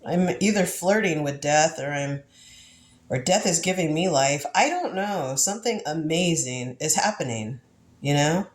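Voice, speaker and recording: This tarot reader is a woman in her fifties with the flu, her low, animated voice moving at a measured pace in a roomy-sounding space. She talks casually about spiritual matters while musing through a reading, often laughing and going over the same points again.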